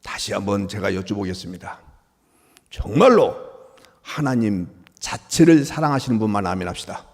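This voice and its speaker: A man preaching a sermon as pastor, swinging from soft murmurs to loud exclamations and acting out quoted speech. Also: on the low side, big pitch swings, moderate pace. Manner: acts out quoted speech of God and the people. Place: church sanctuary. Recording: long hall reverb.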